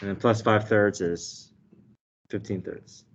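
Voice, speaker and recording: A man with a fairly low voice gives a step-by-step lesson as a math teacher. He explains each step and checks in as he goes. The recording is a little dull and muffled. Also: fairly even intonation, slow pace, slight background noise. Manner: explanatory, checks in with "okay" and "right". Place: indoors, desk with document camera. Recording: dull, slightly muffled online lesson audio.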